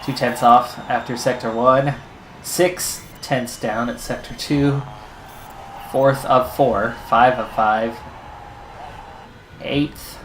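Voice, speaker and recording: A man's voice: mid-range voice, steady tone, slow pace, pauses often, echoey room, a little hiss or hum, poor audio. A man hosting a racing management game video, talking through his race strategy in anxious, pleading running commentary. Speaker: gaming channel host. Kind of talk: let's-play commentary.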